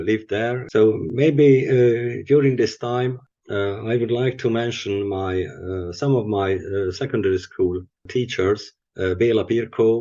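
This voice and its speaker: Older Hungarian man, halting and low. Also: a little mellow. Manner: halting, many filler pauses. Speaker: chemistry professor guest. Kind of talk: podcast interview. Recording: muffled lo-fi audio.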